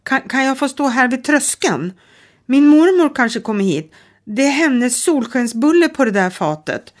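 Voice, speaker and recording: A woman reading aloud, voicing a scared but brave young girl in an audiobook story. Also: animated. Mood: pleading. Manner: high, pleading, urgent.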